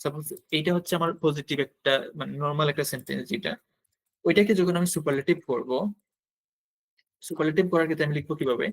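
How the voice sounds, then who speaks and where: A man with a Bangladeshi Bengali accent teaching an online grammar lesson, explaining step by step, asking questions and answering them himself, pausing as he writes. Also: fairly high pitch, steady tone, vocal fry. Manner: writes on a board while talking, with pauses and restarts.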